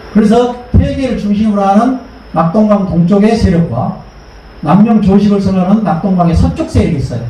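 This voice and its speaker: A man's voice: high voice, warm tone, a little hiss or hum. A middle-aged man giving a history lecture to an audience, asking them questions and having them repeat terms aloud. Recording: echoey hall recorded from far off.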